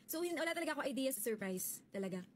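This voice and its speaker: A young woman telling a story in casual, chatty vlog style, animated and laughing often. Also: high voice, racing, a little hiss or hum.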